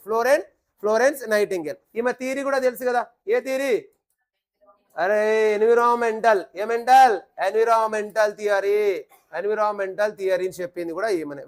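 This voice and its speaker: A man teaching a nursing exam class, quizzing students and repeating key playfully. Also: high voice. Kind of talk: classroom lecture with call-and-response questions.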